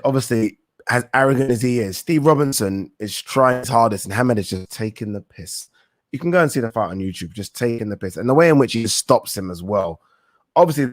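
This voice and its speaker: On a dry recording, a young boxing talk show host with a medium-pitched voice runs a live stream where he reads out audience questions. He responds by thinking out loud and rambling, swearing casually as he goes.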